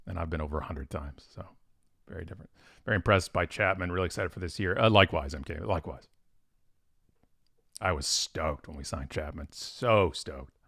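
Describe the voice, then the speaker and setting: A man hosting a casual live-stream Q&A as a professional speaker. He talks in an animated, chatty way, with bursts of excitement and a lot of fillers and restarts. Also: rumbling low, husky, no echo, studio quality.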